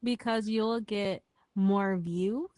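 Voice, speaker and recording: A woman from Memphis in the United States speaks with a Memphis Southern accent, chatting casually in slang as she explains things. She struggles with her R's, saying them like W's. Her voice is medium-pitched, a little mellow, and fairly even in intonation at a slow pace, captured in a dry, studio-quality recording.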